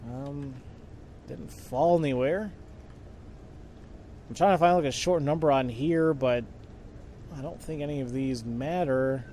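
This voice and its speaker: An unhurried man with a dark, medium-pitched voice pauses frequently during his casual let's play commentary, thinking aloud, rambling, and making fun of himself as he mumbles through on-screen text. A little background noise is present.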